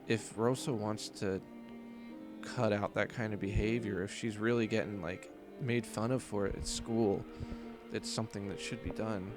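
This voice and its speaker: A man's voice: fairly low pitch, fairly even intonation, moderate pace. A man casually talking through a visual novel he is playing. He swears often and fills his speech with "like.". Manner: casual, swears often, heavy use of filler "like". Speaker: let's play host. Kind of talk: casual commentary while reading a visual novel. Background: game music.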